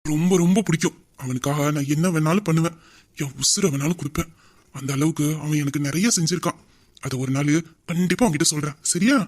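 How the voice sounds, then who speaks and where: A performer voicing a rough, mischievous young husband who teases and pleads with his wife in an audio drama. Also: medium pitch, fast, close to an everyday voice. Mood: affectionate. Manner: teasing and pleading, loud yelps of pain. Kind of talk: Tamil audio drama dialogue.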